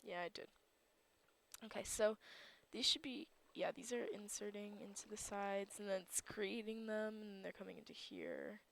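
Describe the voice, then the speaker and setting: A woman's voice: medium pitch, animated, normal speed, creaky, fairly bright tone. A woman giving casual gameplay commentary, groggy in her morning voice, rambling and thinking aloud with lots of fillers. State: groggy just-woke-up morning voice. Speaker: server owner and gameplay commentator.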